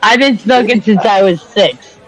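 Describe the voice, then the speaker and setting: A man's voice: high voice, unhurried. A man in his fifties chatting casually in an easygoing, chuckling way. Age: 50s. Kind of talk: casual live-stream chat.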